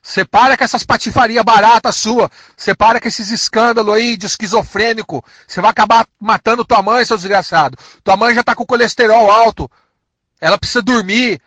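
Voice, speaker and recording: A man's voice: high voice, a bit bright, no echo. A man with a São Paulo accent delivering an angry, insulting, threatening rant full of repeated threats. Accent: São Paulo Portuguese. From São Paulo, Brazil. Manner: aggressive, insulting, repetitive, drawn-out threats.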